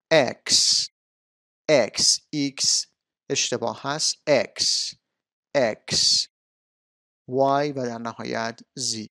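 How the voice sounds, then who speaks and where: Male teacher, patient, repeats sounds slowly, dry close voice. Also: medium pitch, fairly bright tone, no room sound. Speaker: English teacher. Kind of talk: explaining a language lesson.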